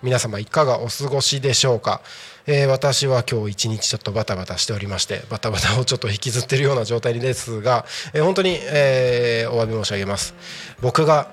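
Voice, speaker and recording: A man's voice: medium pitch, fast talker, fairly bright tone, faint music behind. A man hosting a live community radio show in polite, apologetic announcer patter. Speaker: radio host.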